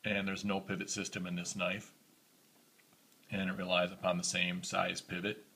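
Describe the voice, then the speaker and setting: Low, bright-toned man reviewing a knife. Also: normal speed, vocal fry, breathy edge. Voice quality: monotone, self-described. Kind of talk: casual product review vlog. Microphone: phone camera.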